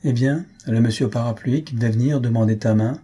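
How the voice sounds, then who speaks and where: A man's voice: medium pitch, fast talker, dark tone, slightly rough, natural voice. A man doing a sly, mocking older man.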